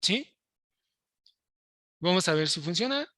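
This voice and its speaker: A male programming teacher walks students through code, pausing often to ask if they follow. His voice is bright and forward, recorded close and dry with no room sound. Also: high voice, lively intonation, no room sound. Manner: explains step by step, checks in with students often. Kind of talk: live coding lesson to students.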